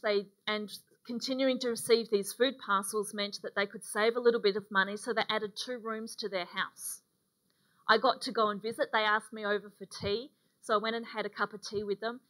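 A woman's voice: fairly high pitch, bright, forceful tone. Conversational woman preaching from a lectern. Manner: conversational, with frequent ums. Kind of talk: sermon with a mission story. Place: dark church stage, indoors.

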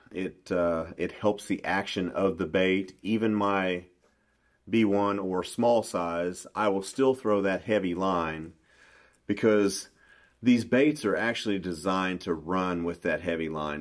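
A middle-aged bass fishing pro explains his baits in a casual, folksy interview full of restarts. It is recorded in a small indoor room, with him seated at a table.

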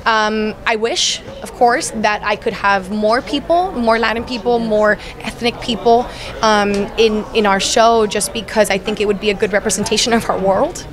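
A young actress from Miami, USA, speaks at medium pitch with fairly even intonation and a moderate pace. She's a guest in a casual interview at a crowded event, talking earnestly into a handheld mic held by the interviewer, with frequent restarts and fillers. Crowd chatter can be heard behind her.

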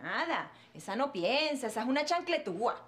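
An actress playing a gossipy, sharp-tongued friend in a telenovela. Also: female voice, a little high, very animated, normal speed. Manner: gossipy, mocking and soothing. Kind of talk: telenovela acting. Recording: soap opera scene with music behind.

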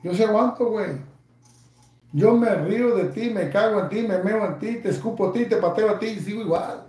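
A Mexican man in his fifties rants and taunts, swearing at every turn. His voice runs high yet mellow. The room around him rings with echo. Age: 50s. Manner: angry, profane, taunting. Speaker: YouTuber. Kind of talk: ranting vlog.

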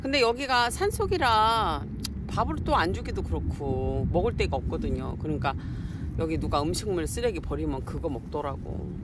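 A woman's voice: low voice, moderate pace, very noisy. Woman cooing to her cats outdoors. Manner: coos and baby-talks to her cats, then explains calmly to viewers. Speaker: cat owner filming her pets. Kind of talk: casual outdoor vlog narration. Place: outdoors on a hillside garden near a road.

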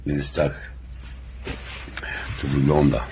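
A man with an extremely deep voice rambles like he is stoned. His delivery is a casual, sluggish monologue peppered with swearing. Faint noise sits behind the recording. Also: monotone, drawn-out words, dark tone. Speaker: vlogger.

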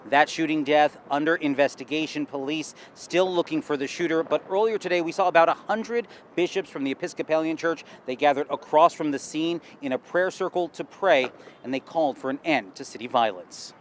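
Microphone in hand, a thirtysomething man reports for TV news outdoors on a nighttime city street, keeping his delivery steady and clipped. He talks fairly fast at a fairly high pitch, with slight background noise.

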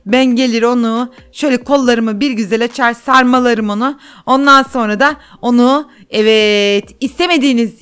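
A woman's voice: a little high, fairly bright tone, clean tone. A middle-aged woman narrating her game play for children in a chatty, boastful way, repeating phrases and speaking straight to her viewers. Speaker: gameplay video host. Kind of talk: playful gameplay commentary for children.

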